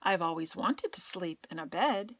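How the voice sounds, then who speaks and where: A woman's voice: fairly low pitch, lively intonation, normal speed, fairly bright tone, no echo. A woman voicing a small, wistful, wondering male toy bear from a storybook, as if reading to a toddler. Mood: delighted.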